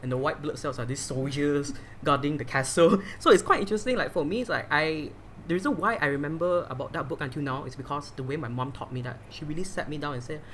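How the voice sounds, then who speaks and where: This podcast host from Malaysia talks quickly with few pauses, his fairly high, fairly bright voice carrying a relaxed interview-style chat. He rambles with plenty of fillers and restarts, and there's slight noise in the background.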